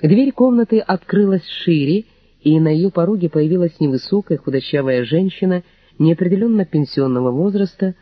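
A man reading an audiobook in an expressive, wry narrating style. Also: a little high, no echo, muffled recording. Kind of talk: scripted narration.

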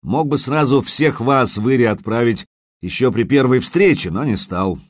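A man voicing a stern older prince who speaks quietly, coldly and menacingly while passing judgment. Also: medium pitch, lively intonation, normal speed, no echo, clean studio sound, natural voice.

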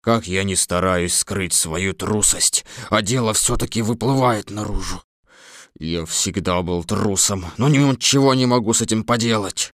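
A huge cowardly lion, as a man acts him out, rumbling in a very low, dark voice. He sounds bashful and sorry for himself, in the manner of a storybook reading. The recording is close and dry. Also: measured pace, no room sound, close to an everyday voice. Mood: sheepish. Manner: bashful, self-pitying storybook acting. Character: huge cowardly male lion, timid and tearful. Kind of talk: dramatized audiobook reading.

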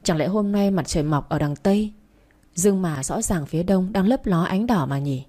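A woman narrating a first-person story as an audiobook, in a steady, even manner. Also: lowish voice, normal speed.

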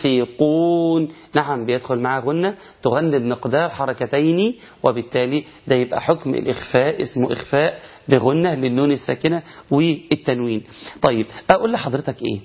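Egyptian-accented male tajweed teacher, fast and animated, self-questioning delivery, slightly muffled lo-fi recording. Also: mid-range voice, breathy edge. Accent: Egyptian Arabic. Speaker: Quran recitation teacher. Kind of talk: colloquial recitation lesson.

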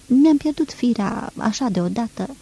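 A woman reading an audiobook, voicing a tender, fearful young woman in love with a soft, pleading manner. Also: fairly high pitch, expressive, slightly rough, voice pushed up, rough recording.

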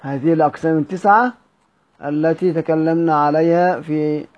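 Egyptian-accented male teacher, higher register, repetitive quizzing delivery; muffled lo-fi recording. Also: steady tone, moderate pace. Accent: Egyptian Arabic. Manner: repeats key words, quizzes listeners with rhetorical questions. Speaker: Quran recitation teacher. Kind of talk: Egyptian Arabic lesson on recitation rules.

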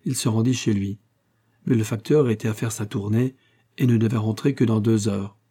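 A man narrating a detective novel in a measured, even storytelling voice. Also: fairly low pitch, breathy edge. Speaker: audiobook narrator.

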